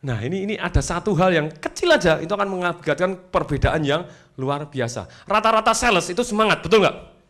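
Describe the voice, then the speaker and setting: A man giving a seminar talk to an audience, animated and acting out angry customers with loud outbursts. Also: sits high, fairly quick. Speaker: motivational speaker.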